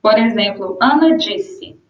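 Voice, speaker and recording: A young Brazilian woman teaching a grammar lesson, explaining rules and slowing down to read out her examples. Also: mid-range voice, lively intonation. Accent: Brazilian Portuguese. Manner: explains with spoken examples, slows to dictate punctuation. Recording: roomy muffled lo-fi room sound.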